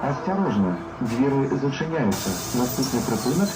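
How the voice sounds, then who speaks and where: A man giving formal, measured stop announcements played over a bus PA loudspeaker. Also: mid-range voice. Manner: measured, formal, even delivery. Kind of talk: prerecorded transit announcement. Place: inside a moving city bus. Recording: echoey, distant, noisy bus interior.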